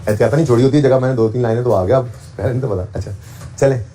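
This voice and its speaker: A man's voice: medium pitch, rapid-fire, mellow, a little hiss or hum. A man teaching accounting to a class, explaining step by step, often checking with his students, and switching into English for technical terms. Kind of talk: classroom lecture.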